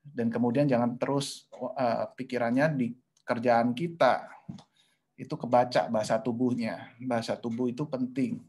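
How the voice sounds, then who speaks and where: A man's voice: medium pitch, little pitch movement, moderate pace, darkish tone, breathy edge. A male pastor speaking to married couples in an online webinar, talking in a conversational sermon style with frequent "ya" and "gitu ya" tags. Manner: conversational and repetitive, often adding "ya" and "gitu ya"; acts out quoted lines in a raised voice.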